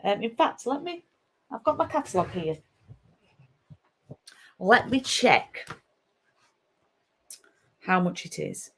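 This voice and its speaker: Her mid-range voice is husky and sing-song, with vocal fry, a slow pace and frequent pauses. She's a middle-aged woman from Yorkshire with a Yorkshire accent, chatting casually on a craft live stream from her home craft room and greeting viewers by name.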